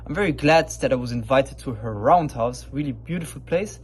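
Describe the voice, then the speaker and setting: A man opens his video with a casual, upbeat introduction, his voice sitting at a medium pitch. A faint noise runs under the recording. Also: expressive, a little fast. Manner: upbeat, casual, with a pirate-style sign-off. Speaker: host.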